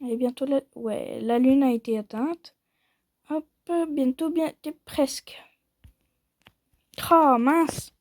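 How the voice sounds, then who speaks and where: A woman talks over her mobile game in a high, mellow voice, unhurried and playful. She rambles and pokes fun at herself, and the recording is dry and close. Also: no echo. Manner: playful, rambling and self-mocking. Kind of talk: casual gameplay commentary.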